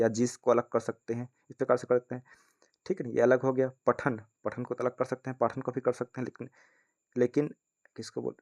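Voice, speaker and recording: The teacher here has a medium-pitched, slightly mellow voice as he reads quiz questions in an informal exam-prep class. Checks like "ठीक है ना" come up again and again, and he speaks to viewers as friends.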